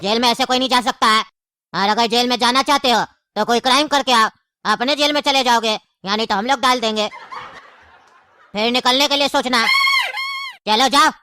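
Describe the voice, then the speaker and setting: A high, bright cartoon jail officer, gruff and bossy, voiced by a woman. He barks orders impatiently. A faint hiss sits under the voice. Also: normal speed, long pauses. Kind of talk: cartoon comedy voice acting.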